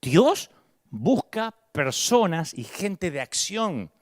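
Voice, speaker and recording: A man's voice: high-pitched, very animated, slow, no room sound, studio quality. A middle-aged man with an Argentine accent preaching a sermon, dramatic and acting out the voices of the people he quotes. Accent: Rioplatense Spanish. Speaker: pastor.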